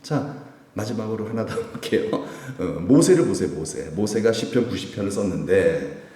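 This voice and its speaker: A man's voice: on the low side, lively intonation, moderate pace, warm tone. A male pastor preaches in a church sanctuary, with a voice that swings widely up and down as he poses questions and answers them himself. He laughs easily between points. His voice rings back off the hall in a long reverb. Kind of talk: sermon at a Friday prayer meeting.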